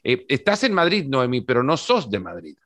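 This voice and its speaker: A man hosts a podcast conversation in an even, measured way, often circling back to restart a phrase. His voice is sits at a middle pitch for a man and sounds close and dry, with no room around it. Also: no room sound. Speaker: podcast host. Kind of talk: podcast interview, scripted intro then casual chat.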